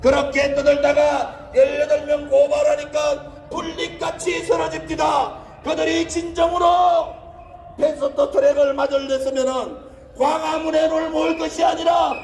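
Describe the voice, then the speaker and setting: Male political orator, roaring and rallying at full shout, distant booming PA with crowd noise. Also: little pitch movement. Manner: shouting, drawn-out slogans, rousing exhortation. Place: large outdoor rally, heard over loudspeakers. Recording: echoey outdoor PA from afar, crowd noise.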